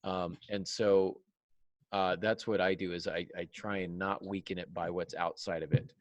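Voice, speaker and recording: Speaking at a normal speed in a low, fairly flat voice, the writer and writing teacher chats about his craft as a podcast host. He's wry and emphatic, often catching and correcting himself mid-thought, with no echo in the audio.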